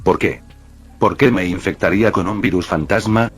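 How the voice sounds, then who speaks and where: A man's voice: deep voice, moderate pace, husky, faint music behind. A man reading a shaken teenage boy hero. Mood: tense. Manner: tense, frustrated.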